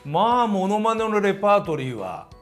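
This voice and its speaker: An impressionist comedian man hosting a casual comedy chat. He teases and talks animatedly, his pitch swinging very widely. Faint music plays behind him. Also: sing-song, moderate pace.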